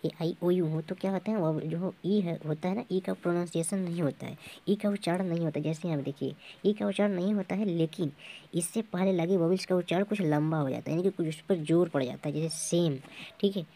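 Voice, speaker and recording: Male teacher, mellow tone, patient and repetitive classroom explainer. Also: high-pitched, fast, vocal fry. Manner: patient, repetitive, often confirms with "ठीक है". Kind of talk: explaining English pronunciation to students.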